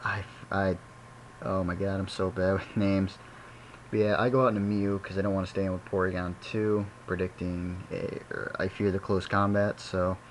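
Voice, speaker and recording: Low-voiced young man narrating a game. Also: slight background noise, rough recording. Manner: rambling, self-correcting, chatty. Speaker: gaming commentator. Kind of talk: casual game commentary.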